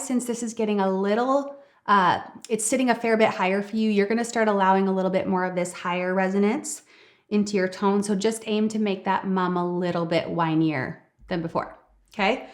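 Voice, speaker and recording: A woman vocal coach giving an upbeat, encouraging singing lesson, talking straight to her students and singing short demonstration lines. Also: medium pitch.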